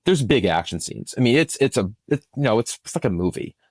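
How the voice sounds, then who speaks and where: Speaking remotely over internet software, a guest on an interview explains eagerly in a husky, medium-pitched voice that swings widely in pitch. His phrases often break off and start again. Sound is dry and of studio quality.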